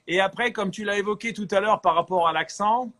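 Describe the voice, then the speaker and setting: A man from France, an actor, chatting as an interview guest and giving lively advice. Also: high voice, fairly quick. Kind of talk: casual interview chat.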